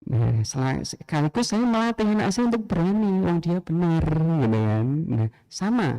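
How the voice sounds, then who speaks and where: A man's voice: a little high, warm tone. A middle-aged man, a school principal giving a casual teacher training and asking his listeners rhetorical questions. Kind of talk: casual spoken lecture.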